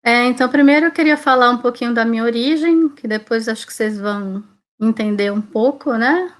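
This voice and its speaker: Talking informally online about her career, this teacher from Salvador, Bahia, a Brazilian woman in her 40s, keeps things conversational and frequently adds tag questions to check in. She speaks briskly in a voice that's a little high.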